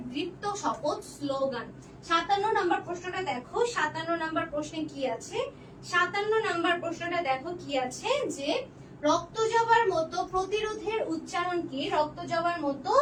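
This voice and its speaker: A young woman with a very high voice runs a live online exam revision class, quizzing students by name and repeating each answer twice. She sits a little away from the mic in an echoey room with faint noise behind her. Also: fairly bright tone, distant mic. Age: young adult. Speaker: teacher.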